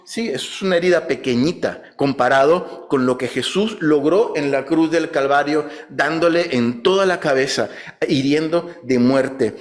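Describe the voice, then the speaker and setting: A man in the pulpit delivers a Sunday sermon with a fairly high voice. He walks his listeners through scripture references and turns to them with questions. When he quotes biblical figures, he acts them out in a raised voice. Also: normal speed. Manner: teaching, recaps scripture references, asks the congregation questions. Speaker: preacher. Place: church.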